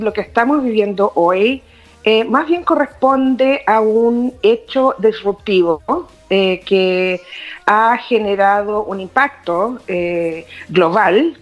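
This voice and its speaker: A psychologist interviewed remotely, speaking hesitantly with many "eh" fillers. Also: female voice, medium pitch. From Chile. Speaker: psychologist guest. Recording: dull lo-fi call line.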